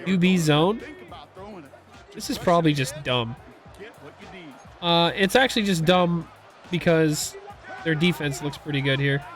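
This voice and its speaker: A young man giving casual, excitable commentary while playing a football video game, rambling and reacting loudly to big plays. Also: fairly high pitch, unhurried, pauses often, soft background music. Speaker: gaming YouTuber.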